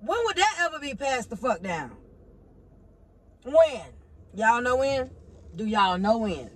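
A woman vlogger ranting to her viewers on her phone. She is animated and swings between loud outbursts and low muttering. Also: slow. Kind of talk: heated casual rant to camera.

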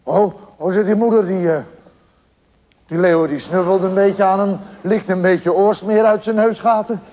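High-voiced man telling a comic tale on stage. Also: fairly even intonation, moderate pace, darkish tone. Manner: rambling storytelling with sudden mock-earnest asides to the audience. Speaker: stand-up comedian. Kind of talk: live theatre comedy monologue. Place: large theatre stage with audience. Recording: live theatre recording with long hall reverb. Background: audience laughter.

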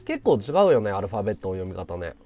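Excitable man hosting a livestream. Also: deep voice, fast talker, faint music behind. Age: 30s. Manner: excitable, loud bursts of thanks and hype. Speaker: livestream host. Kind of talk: casual livestream chat thanking viewers.

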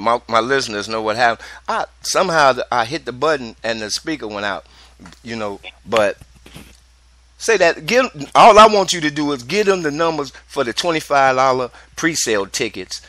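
Lively radio DJ. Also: male voice, medium pitch, moderate pace, no echo. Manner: animated, slangy, repeats himself. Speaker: radio DJ host. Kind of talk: casual radio show chat.

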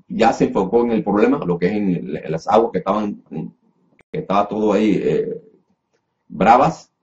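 Lo-fi low-voiced man preaching. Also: warm tone. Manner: repeats phrases, many restarts, addresses listeners as brother. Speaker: preacher teaching a class. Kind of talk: sermon-style Bible lesson. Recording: dull lo-fi recording.

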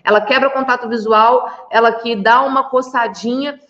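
A woman's voice: fairly high pitch, normal speed. Brazilian woman with an echoey, dull sound. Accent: Brazilian Portuguese. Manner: lively, acts out little quoted scenes. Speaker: body language expert guest. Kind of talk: explaining in an interview.

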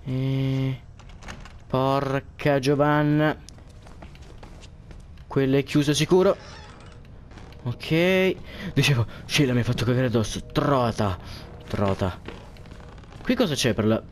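A man's voice: mid-range voice, animated, takes it slowly, pauses often, slight background noise. A man commenting on a horror game for viewers, jumpy and joking, swearing often at what scares him. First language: Italian. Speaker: gameplay commentator.

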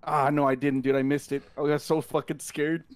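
A man's voice: a little high, flat delivery, a little fast, smooth, no room sound. A young man playing along in a game, teasing and swearing in a laid-back way. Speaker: co-player. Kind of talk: casual gameplay chat.

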